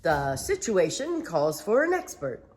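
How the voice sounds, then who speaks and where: A woman's voice: lowish voice, wildly swooping pitch, a little slow, darkish tone. A woman voicing a pompous, matter-of-fact male owl in a storybook, formal and declarative.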